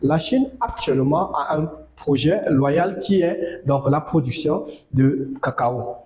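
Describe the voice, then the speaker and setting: A man's voice: fairly high pitch, expressive, darkish tone, reverberant. Man giving an agricultural talk. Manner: measured, repeats phrases and uses fillers. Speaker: agricultural educator. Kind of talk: informative monologue.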